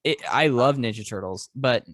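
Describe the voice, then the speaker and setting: A laid-back young man co-hosts a casual podcast chat, cussing easily and laughing often. His voice sits at a middling pitch and sounds dry, with no room echo. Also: moderate pace, a bit bright. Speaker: podcast co-host.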